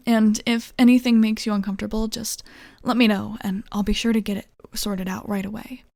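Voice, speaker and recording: Woman playing flirty tattoo artist, ASMR role-play, creaky voice. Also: medium pitch, little pitch movement, fairly quick, dry recording, clean studio sound, lightly acted. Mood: soothing, reassuring. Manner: soft-spoken, casual, gently teasing, slightly bashful. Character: flirty, easygoing, reassuring female tattoo artist.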